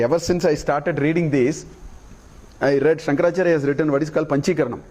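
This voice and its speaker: A man teaches a scripture class in a fairly high voice. He recites Sanskrit verses slowly and deliberately, then unpacks each one plainly for his listeners, often pausing to ask "okay?" before he moves on. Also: darkish tone. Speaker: Vedanta teacher.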